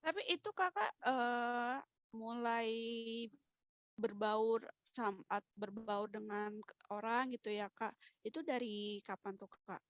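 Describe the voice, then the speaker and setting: A woman's voice: fairly high pitch, slow, dry recording, muffled recording. Giggly young woman asking questions. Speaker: guest interviewer. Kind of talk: casual chat.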